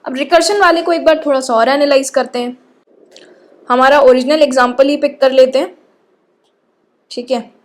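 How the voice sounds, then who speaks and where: High-voiced woman teaching code. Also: steady tone, normal speed, long pauses. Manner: explains patiently, often checks in with "ठीक है". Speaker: programming teacher. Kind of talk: lecture, walking through code step by step.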